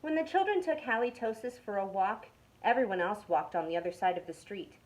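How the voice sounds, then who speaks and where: A young woman telling a children's story from a youth club. Her reading is expressive and storybook-paced. At suspenseful moments she sinks into a hushed whisper. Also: mid-range voice, a little fast, low-quality recording. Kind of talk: reading a picture book aloud to children.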